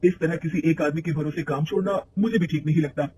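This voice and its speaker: A man voicing a calm, reasonable young husband in a cartoon story. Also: a little high, fast talker, breathy edge, far from the mic, low-quality recording. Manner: reasonable, gentle. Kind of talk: cartoon voice acting.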